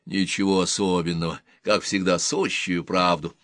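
A man's voice: low-pitched, fairly even intonation, moderate pace, fairly bright tone, no echo, studio quality. A man doing a brash, mocking young rogue. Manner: joking, pushy.

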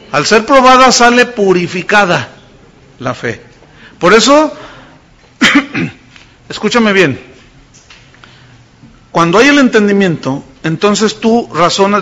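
A middle-aged pastor preaches in church to a live congregation, his male voice pitched high. He reads scripture with slow, deliberate weight and keeps turning to the people with rhetorical questions. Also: fairly bright tone.

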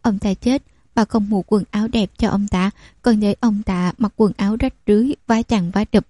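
Cool sharp young noble lady, woman reading her, mellow voice, dry close sound. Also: medium pitch, normal speed, no room sound, natural voice. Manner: calm, cutting, commanding.

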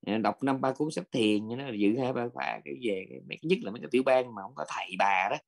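A man's voice: medium pitch, fast, creaky. A male Buddhist monk from gives a blunt, scolding dharma talk and keeps asking his listeners whether they agree.

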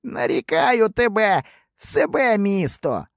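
A male audiobook narrator voicing a proud, angry older grand prince who speaks in a gruff, resentful way. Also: sits high, very animated, slow pace, dry recording, studio quality, voice pushed up, full character voice. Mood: grudging. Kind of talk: audiobook character voice.

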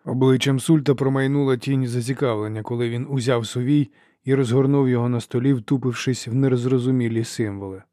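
A man reading a fantasy novel aloud in measured, even audiobook narration. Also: mid-range voice, no echo, studio quality.

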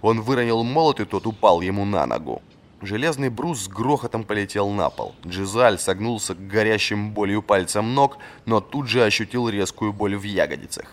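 A man narrating a fantasy audiobook in a lively, expressive scripted reading. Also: on the low side, normal speed.

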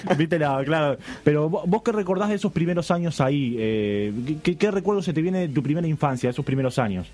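A man's voice: on the high side, animated, fast, a little mellow. A male host asking questions in a casual interview, often chiming in with agreement. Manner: friendly questioning, frequent backchannel agreement.

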